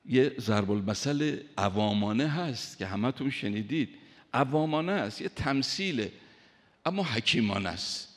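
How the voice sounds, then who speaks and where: A man's voice: medium pitch, expressive. Emphatic male preacher in echoing hall. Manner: emphatic, recites Arabic verses slowly; speaks directly to listeners. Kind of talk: sermon. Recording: long hall reverb.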